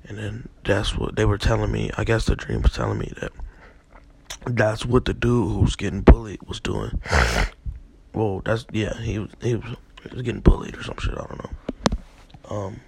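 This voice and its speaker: Gravelly, husky young man rambling. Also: on the low side, expressive, moderate pace, pauses often, darkish tone. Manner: rambling, profane, many fillers. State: a little sick. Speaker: podcast host. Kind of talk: casual dream recounting monologue.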